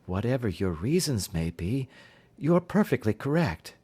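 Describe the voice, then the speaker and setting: Man reading as a troubled young gentlewoman. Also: medium pitch, very animated, moderate pace, husky. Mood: agitated. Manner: anxious, pleading, formal Victorian speech. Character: frightened, desperate young gentlewoman pleading for help. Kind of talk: audiobook character voice.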